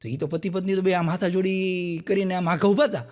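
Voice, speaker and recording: A man's voice: brisk, big-room sound. A man telling folk jokes on stage, acting out each character in his stories. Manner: animated storyteller, acts out quoted characters with jumps in pitch. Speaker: stand-up joke teller. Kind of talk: Gujarati folk joke telling to a live audience. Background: audience laughter.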